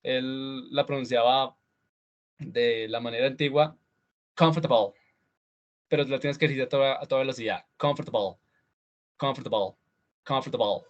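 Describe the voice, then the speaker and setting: Male teacher on a dull video call. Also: medium pitch. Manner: switches to slow, drawn-out model words and repeats them; relaxed, chatty teaching with fillers and small laughs. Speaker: English teacher. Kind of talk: online class on pronunciation. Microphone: computer mic on a video call.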